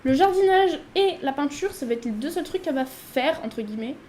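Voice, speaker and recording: A woman's voice: high voice, expressive, fairly quick, darkish tone, slight background noise. A woman hosting a casual life-sim let's play, chatting away and talking to her character as she plays. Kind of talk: casual gameplay commentary.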